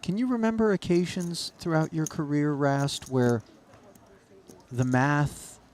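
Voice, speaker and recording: A man's voice: on the high side, steady tone, slow, a little mellow. A man commentating live on a poker tournament in wordy, florid phrasing.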